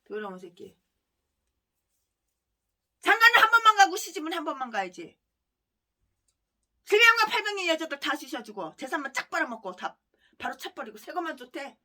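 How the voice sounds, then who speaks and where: A woman pastor delivering a fiery, denunciatory sermon, ranting with heavy name-calling and bursts of shouting. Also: high-pitched, very animated, normal speed, long pauses.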